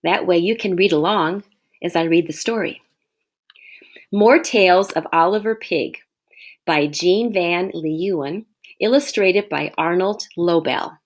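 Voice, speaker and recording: An elementary school teacher reads a children's storybook aloud with expression, pausing to explain things to her young listeners. Her voice is on the low side and a little slow.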